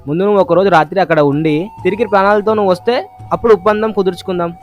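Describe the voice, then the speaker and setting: A woman's voice: mid-range voice, very fast, faint music behind, close to an everyday voice. A woman doing a stern village headman. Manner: stern, laying down terms. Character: stern middle-aged male village headman.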